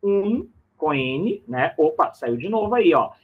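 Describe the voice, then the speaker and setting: Brief: male language teacher, raised pitch, friendly repetitive explainer style. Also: sing-song, unhurried, slightly rough, narrow, tinny audio. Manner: chatty, repeats and checks with "né?", calls listener "camarada". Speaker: Spanish teacher. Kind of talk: recorded online lesson.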